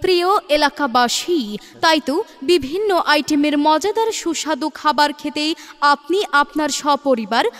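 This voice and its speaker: A woman reads a lively promotional announcement over a loudspeaker, listing the offerings in a sales pitch. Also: moderate pace, big-room sound. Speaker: advertisement announcer.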